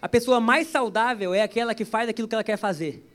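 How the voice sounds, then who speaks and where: A man with a strikingly high voice preaches a relaxed, conversational sermon. He jokes with the congregation and slips into storytelling as he goes. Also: quick pace. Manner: chatty, joking, storytelling. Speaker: pastor. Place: church service.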